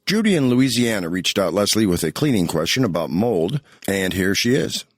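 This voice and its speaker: Man radio co-host, husky and animated, bantering tone. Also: fairly low pitch, moderate pace, no room sound, clean studio sound. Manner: teasing, bantering. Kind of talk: casual radio talk.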